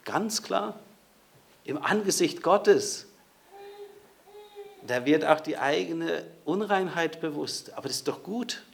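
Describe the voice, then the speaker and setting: A man's voice: fairly high pitch, expressive, slow pace, creaky, long pauses. A man preaching a sermon in a conversational way, speaking directly to his listeners.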